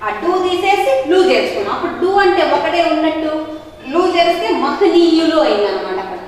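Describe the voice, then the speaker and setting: A woman from Andhra Pradesh with a Telugu accent, teaching a grammar lesson to young pupils, slow and patient, repeating each word for them to copy. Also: very high-pitched, expressive, a little hiss or hum. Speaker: school teacher. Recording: very echoey hall, voice far from mic.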